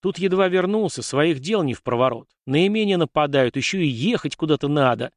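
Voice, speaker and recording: A man voicing an irritable, sharp-tongued young nobleman who speaks bluntly, in a storybook reading. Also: mid-range voice, lively intonation, no echo, clean studio sound, natural voice. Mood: irritated. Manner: blunt, quick to snap.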